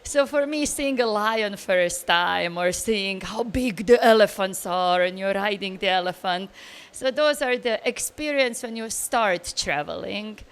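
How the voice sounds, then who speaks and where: A woman, telling travel stories in an interview, animated and laughing easily. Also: medium pitch, measured pace, smooth. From Bosnia. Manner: animated storyteller, laughs easily, loose grammar. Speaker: guest traveller. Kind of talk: casual interview answers.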